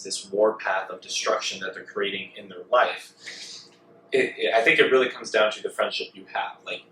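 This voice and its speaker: Low-voiced man, reflective, off-mic. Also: a bit bright, distant mic, slight background noise. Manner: measured, reflective, frequent throat clearing. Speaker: podcast co-host. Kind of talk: casual chat. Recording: echoey room, off-mic with faint ambience.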